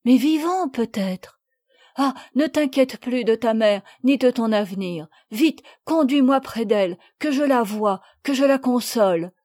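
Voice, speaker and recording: Kind, impassioned noble lady in a storybook, read by a woman; pitched up, warm-toned. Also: expressive, normal speed, dry recording, clean studio sound. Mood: overwhelmed. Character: kind, emotional noblewoman, mother. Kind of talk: audiobook character reading.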